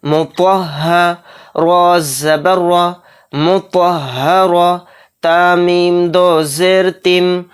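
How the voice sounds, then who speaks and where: A Quran recitation teacher giving a step-by-step lesson. The teacher spells out each syllable slowly, explains each rule in brisk asides, and answers their own questions. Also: medium pitch, flat delivery, clean tone.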